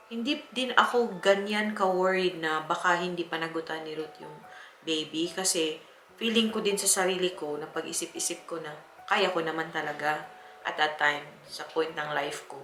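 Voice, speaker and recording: A young Filipina vlogger with a somewhat low, steady voice tells her viewers a personal story at normal speed, sounding pushed and bright. She is chatty, laughs often and uses many fillers, recorded in an echoey room with soft music behind her.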